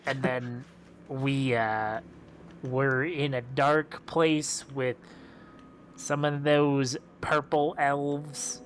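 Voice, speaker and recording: A man playing a tabletop game, speaking in a halting, hesitant way. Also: medium pitch, little pitch movement, slight background noise. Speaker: player. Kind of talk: casual tabletop play.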